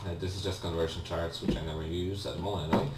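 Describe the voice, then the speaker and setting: A man with a low voice and fairly even intonation rattles off casual video game commentary very fast. As the game's host he rambles, hesitates and keeps correcting himself, and the recording is roomy, with a distant mic and a faint hum.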